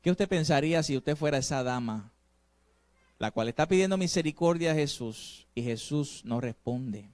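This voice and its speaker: High-voiced man preaching emphatically. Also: lively intonation, moderate pace, dry recording. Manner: emphatic preaching with sudden swings between loud and soft; addresses the congregation directly with rhetorical questions. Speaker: pastor. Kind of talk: sermon.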